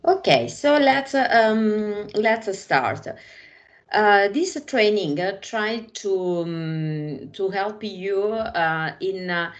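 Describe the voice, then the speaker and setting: A woman, a webinar trainer whose first language is Italian, presents an online art training course over a video call, speaking English hesitantly with many fillers and restarts. Her medium-pitched voice is expressive, with drawn-out words, and the recording sounds muffled.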